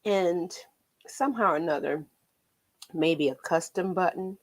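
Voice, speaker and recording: An American woman with a lowish, tinny, slightly metallic voice hosts a painting livestream as an art teacher. She chats casually and unhurriedly, rambling playfully to her viewers.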